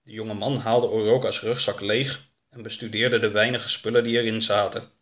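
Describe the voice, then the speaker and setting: A man reading a storybook aloud as narrator, expressive. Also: fairly low pitch, normal speed.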